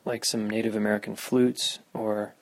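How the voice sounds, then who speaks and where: A man giving guided meditation instruction as a teacher, speaking in short, unhurried phrases with an earnest spiritual-healer manner. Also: fairly low pitch, flat delivery, vocal fry, no room sound.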